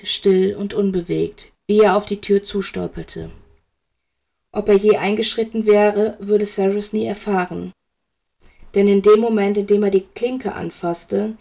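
A woman narrating a fan fiction audiobook with steady, expressive storytelling. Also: mid-range voice, gravelly.

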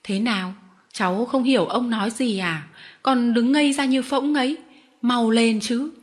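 A stern old man who runs a travelling show of performing dogs, as a woman reading the story gives him voice. He speaks in curt, commanding words at an ordinary pitch, and he expects to be obeyed. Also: normal speed, close to an everyday voice. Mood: impatient. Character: stern old male street-show master.

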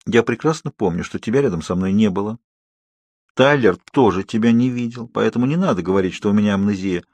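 A man's voice: lowish voice, fast talker, a little mellow, dry recording. Bella, a man doing a stubborn teen girl. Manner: firm, insistent, rising when upset. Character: stubborn, angry teenage girl. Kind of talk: audiobook reading.

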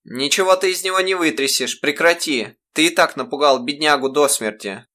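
A man's voice: mid-range voice, lively intonation, moderate pace, bright, forceful tone, pitched above the performer's own voice. A man voicing a doting, anxious mother with a coddling, pleading manner in an audiobook. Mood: scolding.

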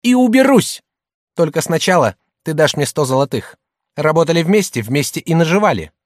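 Guy doing a loud mocking wife, higher and forceful, very up-and-down, dry sound. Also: sing-song, normal speed, no echo. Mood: shouting. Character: shrill jealous merchant's wife, middle-aged, scornful.

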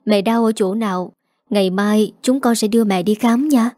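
A woman voicing a gentle, caring young wife who speaks softly and reassuringly in a story. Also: medium pitch, normal speed, no echo, studio quality, natural voice. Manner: soft, reassuring.

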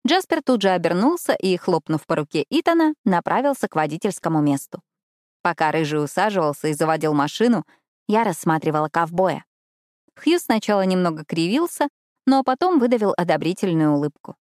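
A young woman reading a first-person romance audiobook in an expressive, dreamy way. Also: on the low side, a little fast, no room sound, studio quality. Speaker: audiobook narrator.

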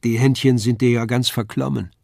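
A man reading an audiobook, voicing a kindly, motherly older woman with a lilt in a warm, bustling manner. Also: medium pitch, steady tone, a little fast, vocal fry, no room sound, studio quality. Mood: fussing, kindly. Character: kindly elderly woman, a craftsman's wife. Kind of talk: audiobook character voice.

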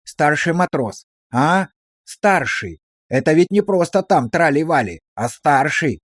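A shrewd village policeman, read by a male narrator, who questions slowly and drily, with a stern, ironic edge. The voice sits a little high for a man and is recorded close and dry, like an audiobook. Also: lively intonation, dry recording. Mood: interrogating.

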